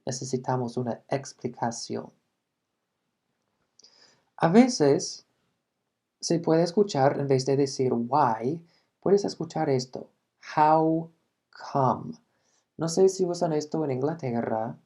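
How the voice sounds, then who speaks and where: A man with a Midwestern American accent explains an English lesson in a measured, unhurried way. His voice is mellow and relaxed. He repeats example sentences carefully and at a slow pace. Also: on the high side. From Michigan, United States. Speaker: English teacher.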